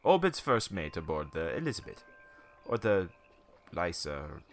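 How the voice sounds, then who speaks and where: An older man with a low, very animated voice speaks at a moderate pace over a slight hiss or hum. He's an actor in a radio play voicing a wary, cynical old townsman, a former shopkeeper, who reminisces through cryptic, rambling, theatrical stories punctuated by knowing chuckles.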